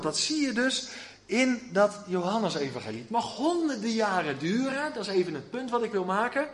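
A man preaching a sermon, asking his listeners questions and slowing to stress key phrases. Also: sits high, a bit bright. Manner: emphatic, rising to slow declaimed phrases.

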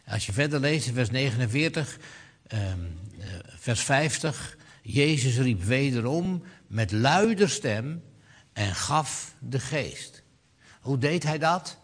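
A man preaching a sermon who speaks to his listeners directly, hesitates with fillers, swells to loud proclaiming and then drops low and quiet.

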